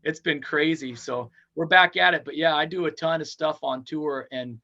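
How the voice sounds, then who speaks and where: An upbeat man in his forties talks as a podcast guest, rambling cheerfully in long runs. His voice has a gravelly edge and sits a touch high. The audio is dull and lo-fi. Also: moderate pace, pushed and bright. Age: 40s. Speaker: touring metal band frontman, podcast guest. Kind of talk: casual interview chat.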